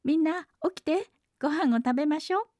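A woman voicing a tiny, clever, headstrong little girl born from a bean, in a wilful, high, bright storybook tone. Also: lively intonation, moderate pace, no room sound, clean studio sound, close to an everyday voice.

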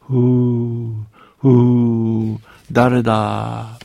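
A man reading a storybook aloud and voicing a huge ancient male giant of the north, who speaks loudly with drawn-out blowing breaths. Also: mid-range voice, monotone, vocal fry, dry recording, clean studio sound. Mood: booming.

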